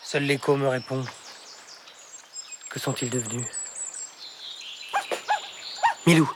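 An actor playing an earnest, alert young hero in an audio adventure drama, with exclamatory, clearly articulated theatrical delivery. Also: male voice, mid-range voice, fairly even intonation, normal speed, very noisy, natural voice. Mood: worried, urgent.

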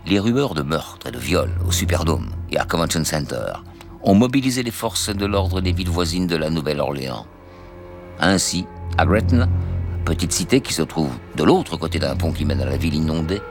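A man narrating a news documentary in a measured, questioning scripted delivery. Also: low voice, gravelly. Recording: voice-over with music underneath.

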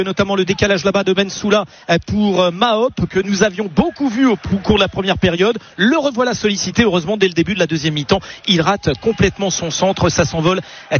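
High-voiced radio football commentator man. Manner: brisk, descriptive, with frequent hesitations. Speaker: play-by-play commentator. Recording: lo-fi radio broadcast with faint noise.

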